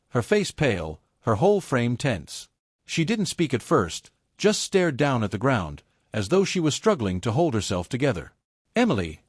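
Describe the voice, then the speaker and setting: Male narrator, scripted story reading, steady delivery, lively intonation, dry recording. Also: mid-range voice, no echo.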